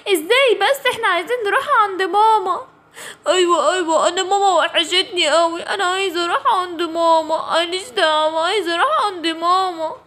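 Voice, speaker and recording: A little girl giraffe whimpers and pleads in a children's storybook, her voice high, tearful and squeaky as a woman acts her out. She has an Egyptian accent and talks in rapid bursts. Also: sharp tone. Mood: whining. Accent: Egyptian Arabic.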